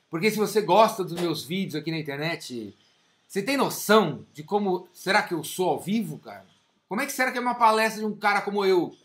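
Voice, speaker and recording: Punchy, animated Brazilian-style sales coach man. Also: sits high. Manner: emphatic, punchy, repetitive, slangy and animated. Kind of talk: energetic motivational monologue to camera. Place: home office with bookshelves, indoors.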